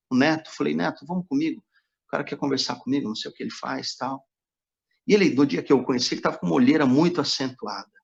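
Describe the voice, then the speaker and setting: Pastor, male, gravelly, storytelling testimony, quotes dialogue himself, muffled lo-fi sound. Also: mid-range voice. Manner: narrates dialogue, quoting others in his own voice. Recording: dull lo-fi recording.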